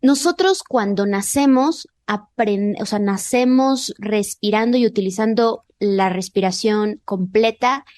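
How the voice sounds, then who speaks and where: A woman hosting a podcast, asking questions and explaining in a relaxed way with many fillers. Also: mid-range voice, unhurried, few pauses. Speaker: podcast host. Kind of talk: casual podcast interview.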